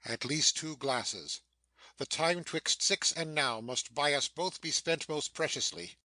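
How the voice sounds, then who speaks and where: An imperious sorcerer master, played by a man, declaiming in a Shakespeare audiobook drama. The voice is forceful and sharp, slightly high for a man, and recorded dry and close. He is stern, commanding and quick to scold. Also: no echo. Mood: businesslike command.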